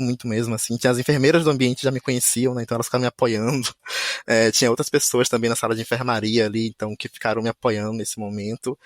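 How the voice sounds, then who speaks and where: A man with a Brazilian Portuguese accent tells a personal story in a men's conversation circle, speaking haltingly with many restarts and repeated words. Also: mid-range voice, no echo, studio quality. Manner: halting and repetitive, with many restarts and a soft, reflective delivery.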